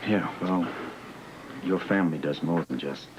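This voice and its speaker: An actor playing a suspicious, insistent man in a television soap, speaking deliberately and probingly, like someone confronting a person with secrets. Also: sits low, noisy background. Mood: probing, accusing. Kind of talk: television soap opera acting. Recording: music under dialogue, old TV soundtrack.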